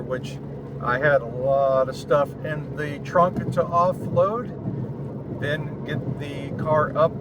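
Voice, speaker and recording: A man who vlogs and is an amateur radio operator talks to the camera from inside a car, explaining things casually in short phrases with pauses. His voice is a little high. Road and vehicle noise are clearly audible, along with car and outdoor ambience.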